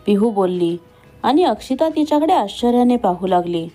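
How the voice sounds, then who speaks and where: A woman reading a family love story aloud, voicing each character in her own voice with dialogue pitched a little higher. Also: lively intonation, moderate pace, mellow, faint music behind. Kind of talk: scripted story narration.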